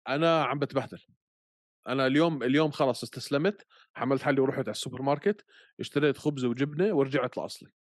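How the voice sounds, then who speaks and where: Fast-talking Levantine Arabic man, animated podcaster. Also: medium pitch, dry recording, clean studio sound. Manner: animated storyteller, peppers Arabic with English words. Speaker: podcast co-host. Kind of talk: casual podcast chat.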